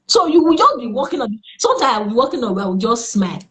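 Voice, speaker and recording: A Nigerian woman speaking as a therapist in an interview, earnest and lively, with exclamations in her stories. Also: fairly high pitch, fast talker. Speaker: therapist guest. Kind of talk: interview conversation.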